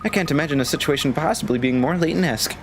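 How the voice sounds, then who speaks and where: A man voicing an eager, cheerful young woman assistant from a video game, talking in a chirpy, excitable way. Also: a little high, very fast, faint music behind, close to an everyday voice.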